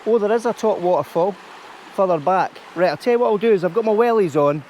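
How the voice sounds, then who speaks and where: By a stream under a bridge, a Scottish YouTube vlogger and landscape photographer chats casually, explaining things as he goes. His voice is high and darkish, he talks quickly, and there's slight background noise.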